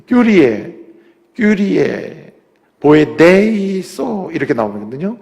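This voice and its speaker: A male pastor preaching a sermon, moving from quiet explanation to loud, rising exhortation in a church sanctuary. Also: on the high side, creaky, long reverb tail. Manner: acts out biblical speech in quotes.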